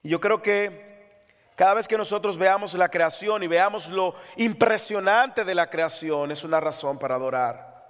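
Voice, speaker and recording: A man's voice: high voice, normal speed, long reverb tail. A man preaching an impassioned sermon as pastor, reading scripture aloud. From Latin America.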